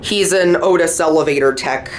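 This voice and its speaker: A man's voice: a little high, normal speed, noisy background. A man filming hotel elevators with a handheld camera, casually narrating and pointing things out as he rides. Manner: relaxed, pointing things out as he goes. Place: hotel elevators and hallway, indoors.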